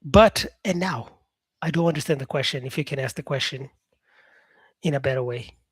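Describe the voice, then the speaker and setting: An English teacher chats casually with his viewers about their comments, sounding upbeat and encouraging. His medium-pitched voice has a breathy edge, and he rambles, often restarting himself and filling pauses, in a dry recording.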